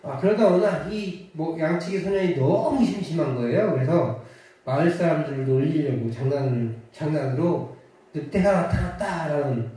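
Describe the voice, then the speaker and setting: In a church sanctuary, a male pastor delivers a sermon, telling a story with frequent hesitations in a warm, fairly high voice at a moderate pace. The mic picks him up at a distance in the echoey hall.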